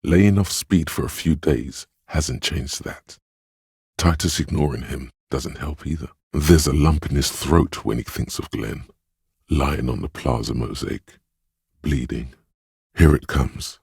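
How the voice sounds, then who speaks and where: A man voicing a calm, perceptive inner voice of empathy in a video game, narrating in a measured, hushed, gravelly and husky delivery. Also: rumbling low, dry recording, clean studio sound, heavily acted. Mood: compassionate, subdued. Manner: measured, hushed, knowing, deliberate. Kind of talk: scripted second-person game narration.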